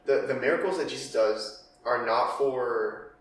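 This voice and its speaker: A man's voice: medium pitch, unhurried, a bit bright, a little hiss or hum. A man in casual podcast conversation, agreeable and tentative, working out his point as he talks. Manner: tentative, thinking aloud, agreeable. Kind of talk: casual chat. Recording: echoey room, distant from mic.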